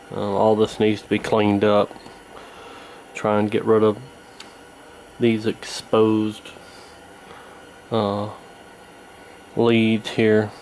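A radio repairer hosting a video talks casually through a hands-on fix at an indoor workbench, his voice low and somewhat dark. A handheld camera near the bench picks him up, and its mic adds noticeable background noise to a rough recording.

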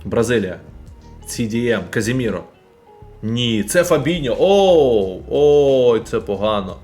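A man streaming and commenting casually on a game, excitable, bursting into loud exclamations. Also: on the low side, moderate pace, faint music behind.

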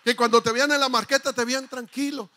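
High, bright-voiced pastor preaching. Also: male voice, level tone, a little fast. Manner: fervent preaching, calling out "hermanos" and "aleluya". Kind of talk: sermon. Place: church.

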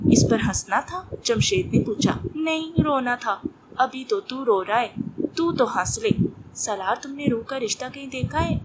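A woman with a slightly high voice reads a romance novel aloud, voicing every part without changing her tone. A clear hiss and clicking sit under the whole recording. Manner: reads all parts in her own voice. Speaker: novel narrator. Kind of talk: audiobook reading of a romance novel.

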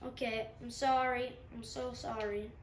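This let's-play comes from a stuffy-nosed female gaming host who rambles and mocks herself as she plays. Her voice is on the high side with little pitch movement and a slightly slow pace, recorded roomy on a distant mic with faint hum.

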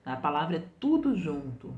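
Low-pitched woman teacher from brazil explaining patiently, kinda roomy and muffled sound. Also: very animated, normal speed. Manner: patient, explains step by step with repetition. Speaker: literacy teacher. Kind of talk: didactic explanation. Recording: roomy, muffled home recording.

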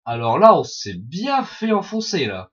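An excitable man narrates his online match, his high voice swinging wildly in pitch as he swears and shouts at opponents. The sound is a dull, lo-fi home recording. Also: unhurried. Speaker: gaming video host. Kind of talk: Let's Play commentary.

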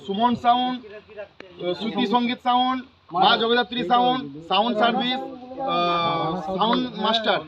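A very high-voiced man, speaking at a moderate pace for a sound system association, stumbles now and then while reading out a lengthy list of names at a public meeting. The audio is muffled, with a crowd audible behind him.

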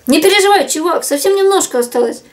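A woman's voice: very high voice, animated, quick pace, pitched above the performer's own voice. A woman voicing Death as a tired, slangy female reaper who sighs and talks in an exasperated way. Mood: weary.

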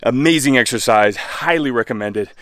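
In a dry recording, a man in his thirties with a mid-range, fairly bright voice talks at a moderate pace. He's a chill, enthusiastic fitness coach whose voice-over explains exercises at a garage-side outdoor home gym.

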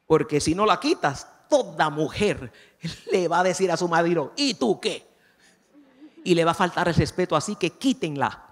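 A woman's voice: on the low side, expressive, moderate pace, voice pushed down. Woman voicing urgent male court advisers. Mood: insistent. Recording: long reverb of a large hall.

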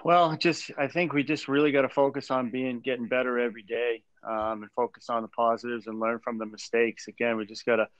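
A man in his forties, a head baseball coach, answering press questions after a game in a measured way with many fillers and restarts, over a video call from a small room. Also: medium pitch, level tone, clean tone, dry recording. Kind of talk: postgame press conference. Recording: dull dry video call audio.

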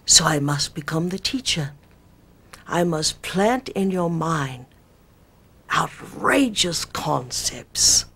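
A lofty, grandiose ancient male spirit, as a woman puts him on, speaking in a put-on British accent. The voice sits deep and drags each word out slowly, with solemn, archaic phrasing. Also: expressive, creaky, fairly bright tone, breathy edge, full character voice. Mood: instructive. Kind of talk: channeling performance.

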